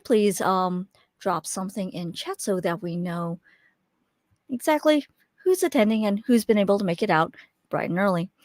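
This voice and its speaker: A woman's voice: medium pitch, dry recording, clean studio sound. Chatty woman hosting a live webinar. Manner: chatty, friendly, filler-heavy with frequent restarts. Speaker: webinar host. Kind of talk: casual live webinar welcome. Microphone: USB desk microphone.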